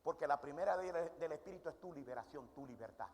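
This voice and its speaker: A man with a slightly high, husky, darkish voice delivers an animated, fast sermon in a church hall. He engages the congregation by asking questions he then answers himself, all under long hall reverb.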